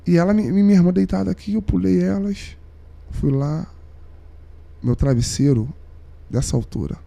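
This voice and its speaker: This heartfelt man, a saxophonist guesting on a podcast, shares an emotional story in casual conversation. His voice sits high and is creaky and dark in tone, at a normal speed, and his slangy delivery sinks to a near-whisper at moving moments.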